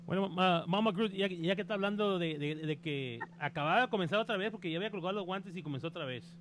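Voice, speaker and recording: Fast-talking high-voiced male radio interviewer. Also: fairly bright tone, slight background noise. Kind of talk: interview questions.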